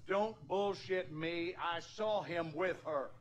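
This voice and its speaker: A bitter businessman and father in a game drama. He is harsh and aggrieved, bullying in a fairly high voice. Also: slow, dull audio. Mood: menacing.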